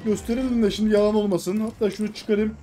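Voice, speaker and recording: A woman hosting a mobile shooter gameplay video, commenting in a loud, playful way and swearing at rivals. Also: mid-range voice, level tone, fast talker, a little hiss or hum. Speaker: gaming video host.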